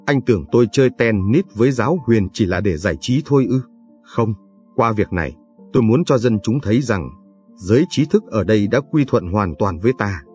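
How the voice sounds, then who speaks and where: A man's voice: on the low side, expressive, darkish tone, close to an everyday voice. A man reading a cold, scornful party boss. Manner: slow, measured, scornful. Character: scheming, contemptuous male party leader. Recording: dry, faint background music.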